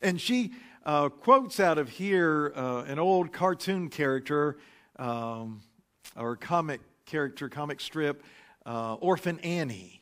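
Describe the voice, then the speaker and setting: Pastor preaching at a pulpit microphone. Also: male voice, on the high side, takes it slowly. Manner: relaxed, anecdotal, with frequent fillers. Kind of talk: conversational sermon. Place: church sanctuary.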